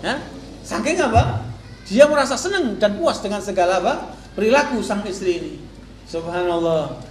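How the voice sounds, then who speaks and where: A man preaching at a study lecture in a mosque, often asking his listeners rhetorical fill-in questions in a lively, chuckling way. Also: high-pitched, normal speed. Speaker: Islamic preacher. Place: mosque hall with a women's study audience. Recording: echoey mosque hall, faint ambient noise.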